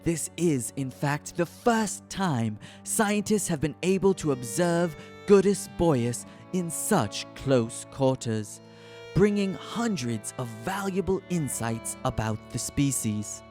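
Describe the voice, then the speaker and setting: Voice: medium pitch, animated, slow pace, darkish tone. A narrator delivering a scripted mock nature documentary in a solemn, dramatic manner. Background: background music.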